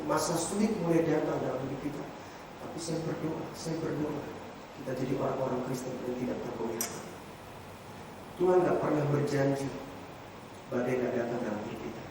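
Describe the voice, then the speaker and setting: A man with an Indonesian accent preaches in a high, ringing voice. His lines come in emphatic refrains, climbing to loud peaks before falling back. The sound is roomy and distant, carried by a long echo from far off in a church hall. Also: fairly quick, background noise. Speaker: pastor. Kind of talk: sermon.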